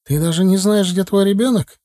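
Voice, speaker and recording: Man doing furious sarcastic mom, high husky voice, hissing mad. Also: animated, moderate pace, darkish tone. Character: furious, sharp-tongued middle-aged mother.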